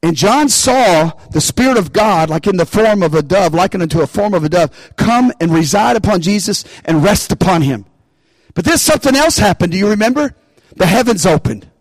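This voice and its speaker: A man's voice: high-pitched, lively intonation, a little fast, dry recording, rough recording. A man preaching a sermon, calling out to the congregation for responses and rising into bursts of emphasis. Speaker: pastor.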